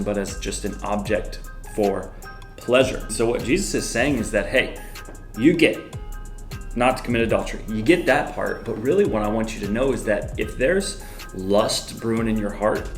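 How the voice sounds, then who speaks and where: A man preaching conversationally to teenagers, explaining with rhetorical questions and plain slang. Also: lowish voice. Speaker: youth preacher.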